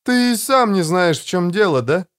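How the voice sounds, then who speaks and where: A man's voice: animated, moderate pace, fairly bright tone, clean tone. A man voicing a curt, proud woman captain. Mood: curt, demanding. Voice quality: raised pitch, clipped and insistent. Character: blunt, proud female army captain. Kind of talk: audiobook character voice.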